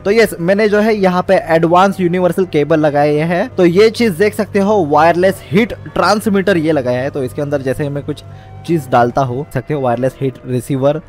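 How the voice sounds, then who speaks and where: A young man with a slightly high voice walks through his game build step by step in easy, chatty commentary. He drops English words into his sentences, with soft music behind him. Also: normal speed. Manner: explains step by step, mixes English words into speech. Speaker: gaming channel host. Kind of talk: casual gameplay commentary.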